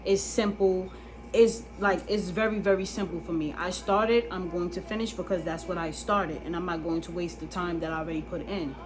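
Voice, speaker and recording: A woman's voice: on the low side, fairly even intonation, moderate pace, low-quality recording. A woman vlogging a casual monologue to camera, blunt and emphatic, often asking if you understand. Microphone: phone camera.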